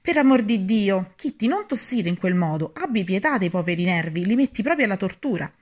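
Woman voicing a shrill fretful mother. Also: brisk. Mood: peevish. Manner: complaining, excitable. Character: fretful nervous middle-aged mother, shrill.

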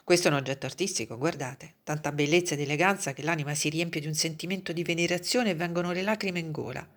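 A woman's voice: low voice, quick pace. Sasha, a woman reading as an earnest young man. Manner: earnest, pleading.

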